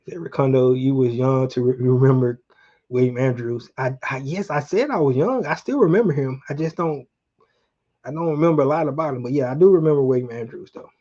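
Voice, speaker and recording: A middle-aged man from Atlanta, Georgia, in the United States, hosts a sports livestream, talking casually and colloquially straight to his viewers. His voice is medium-pitched, brisk and mellow, though the recording sounds muffled. It's relaxed fan chat, full of sports reminiscing.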